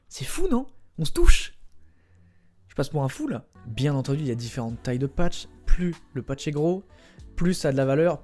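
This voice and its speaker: Speaking in a mellow, slightly high voice, a young man runs his own channel as a trading card collector. In this casual explainer vlog he talks straight to viewers in a playful manner, adding spoken sound effects.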